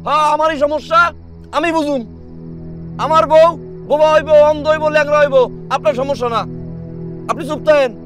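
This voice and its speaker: An actor playing a defiant young groom who snaps back loudly at his elders, in a TV drama. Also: high-pitched, normal speed, pauses often, over music, close to an everyday voice. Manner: loud, defiant and snapping. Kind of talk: TV drama acting.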